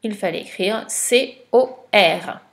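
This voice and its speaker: Female teacher, unhurried dictation voice, patient, clear spelling. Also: medium pitch. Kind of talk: slow dictation lesson for a child.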